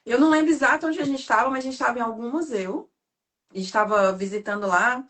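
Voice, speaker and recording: Fast-talking Cearense Brazilian woman host. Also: a little high. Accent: Cearense Brazilian Portuguese. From Ceará, Brazil. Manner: fast talker, animated storytelling. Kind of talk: casual live interview.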